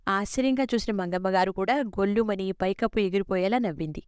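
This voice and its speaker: A woman narrating a serialized story in a steady, even storytelling manner. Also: medium pitch, fast, clear, resonant tone, no room sound, clean studio sound.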